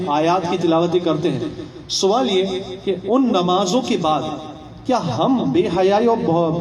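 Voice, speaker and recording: A young man giving a religious training talk, asking rhetorical questions, repeating phrases and mixing in English words. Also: high voice. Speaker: religious instructor. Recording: echoey hall, voice from far off.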